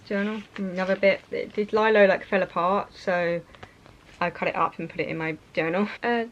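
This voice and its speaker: A young British woman chatting casually and a little hesitantly as she shows things to viewers in a vlog. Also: mid-range voice. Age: young adult. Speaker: vlogger. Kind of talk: casual show-and-tell chat. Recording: muffled sound with faint noise.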